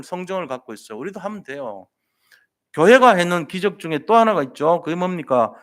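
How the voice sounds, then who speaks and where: Fields: Sex: man. Role: pastor. Style: sermon. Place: church sanctuary. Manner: colloquial storytelling. Pitch: somewhat high. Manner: colloquial storytelling, retells scripture scenes in lively everyday speech.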